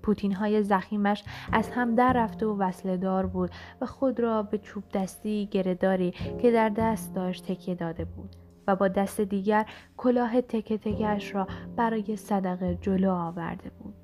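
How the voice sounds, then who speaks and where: A woman narrator giving an audiobook reading in a measured storytelling manner. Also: medium pitch, fairly even intonation, warm tone. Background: background music.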